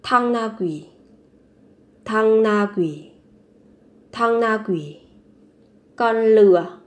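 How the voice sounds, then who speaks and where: Speaking extremely slowly in a voice on the high side, this woman teaches vocabulary. She repeats every word three times before patiently explaining it.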